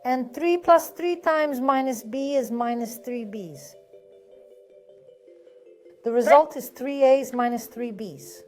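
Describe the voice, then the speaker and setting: A woman's voice: high voice, slow pace, pauses often, soft background music. A woman teaching a math lesson step by step, patient and methodical, often asking a question and then answering it herself.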